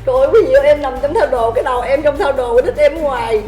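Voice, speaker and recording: A woman telling drinking stories in a casual, animated chat, laughing often and calling out toasts. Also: high-pitched, rapid-fire, roomy sound, faint music behind. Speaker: livestream host telling drinking stories to viewers.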